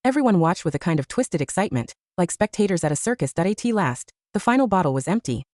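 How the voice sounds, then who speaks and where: A woman narrating a first-person romance audiobook story in an expressive storytelling manner. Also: fairly low pitch, quick pace, dry recording, studio quality.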